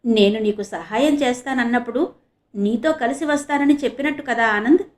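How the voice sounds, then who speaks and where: A woman's voice: on the high side, fairly quick, reverberant, lightly acted. A woman doing a teasing young woman.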